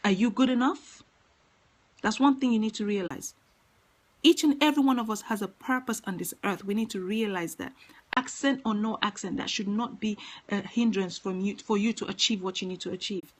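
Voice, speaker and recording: A woman's voice: mid-range voice, normal speed, rough recording. A woman giving an earnest motivational talk, speaking emphatically and repeating her key phrases.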